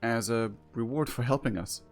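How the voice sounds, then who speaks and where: A man's voice: mid-range voice, normal speed, faint music behind. A man playing a tabletop role-playing game, talking hesitantly with many ums and apologies. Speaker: player.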